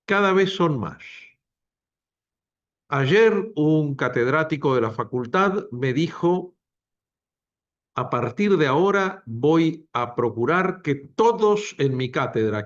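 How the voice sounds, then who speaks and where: A man's voice: a little high, big pitch swings, slow pace, dull audio. A man directing a doctoral program, giving an emphatic introductory speech at a book presentation in a university room and repeating key phrases for weight. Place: university lecture room, also streamed to video call.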